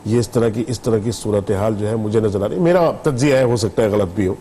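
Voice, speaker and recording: Low, dark-voiced business leader explaining. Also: male voice, a little hiss or hum. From Pakistan. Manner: measured, explanatory, argues patiently. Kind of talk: TV talk show discussion.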